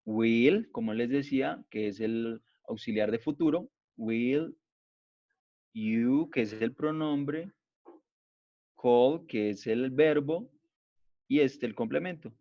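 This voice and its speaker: Male teacher, mid-pitched, slow and patient, explaining step by step; muffled lo-fi class recording. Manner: slow, patient, repeats "¿listo?" after each point. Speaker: English teacher. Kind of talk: online class explaining grammar. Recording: dull lo-fi online class audio.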